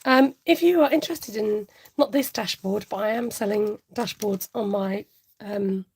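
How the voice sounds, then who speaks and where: Woman in her 40s doing a chatty cash-stuffing livestream at home, bit of a gravelly husky voice, giggles a lot. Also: medium pitch, moderate pace, a little mellow. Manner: chatty, giggly, reads viewer comments aloud. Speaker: budgeting livestream host. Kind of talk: casual livestream chat.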